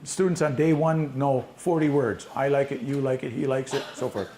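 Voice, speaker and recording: A man's voice: medium pitch, normal speed, a crowd in the background. A man presenting at a conference session, answering audience questions in a plain, matter-of-fact way. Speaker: language teacher presenting a session. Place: conference breakout room. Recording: echoey room, mic from a distance, faint noise.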